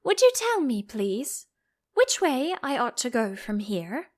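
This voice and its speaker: A curious young storybook girl, acted out by a woman, with a high voice that rises and falls freely. She is polite, earnest and a little timid, full of questions. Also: big pitch swings, slow pace, a little mellow.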